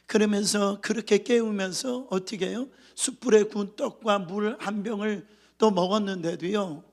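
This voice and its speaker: High-voiced guy pastor preaching in church, earnest, keeps asking the crowd questions. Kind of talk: sermon.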